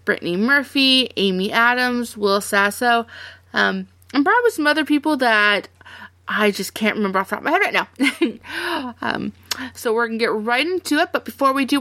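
A woman's voice: on the high side, bright, forceful tone, no echo. A woman hosting a podcast in casual chat, chatty and rambling with frequent laughs. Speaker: podcast host.

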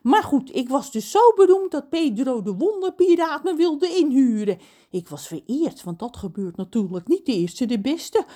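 A woman voicing a cursed, tearful male ship's cook in a children's audio story, with a high sobbing voice. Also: warm tone.

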